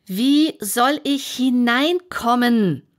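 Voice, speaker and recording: A woman's voice: mid-range voice, animated, unhurried, slightly rough. A woman reading an audiobook aloud and voicing a curious young girl who grows more insistent and exasperated. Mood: pleading. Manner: pleading, increasingly insistent.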